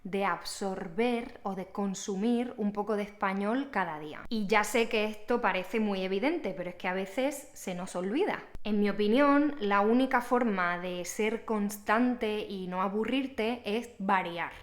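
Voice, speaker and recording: A young woman teaching a language, talking casually to camera and explaining each point clearly and patiently to the viewer. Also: medium pitch, measured pace, few pauses. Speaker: Spanish teacher.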